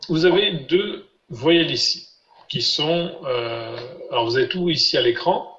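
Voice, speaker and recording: A man's voice: a little high, animated, fairly bright tone. Patient male teacher drilling syllables. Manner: patient, repeats syllables slowly for students. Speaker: Biblical Hebrew teacher. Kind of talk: live online class. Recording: roomy, dull lo-fi sound.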